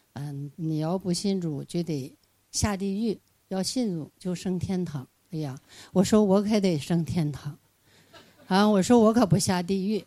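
An older woman with a Northeastern Mandarin accent giving a spontaneous personal testimony at church, halting, repeating herself and restarting, in plain folksy speech. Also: fairly low pitch, warm tone, no echo.

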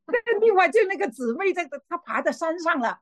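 A woman sharing a personal faith testimony, hesitant with frequent restarts and fillers, growing lively as she tells a story. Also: very high voice, moderate pace, no room sound. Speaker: church member sharing a testimony.

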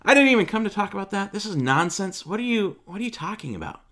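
A man's voice: fairly low pitch, wildly swooping pitch, a little slow, slightly rough, voice pushed down, heavily acted. A pastor voicing a sarcastic, incredulous old male religious scholar who scoffs at what he hears, with exasperated outbursts. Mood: sarcastic scoffing.

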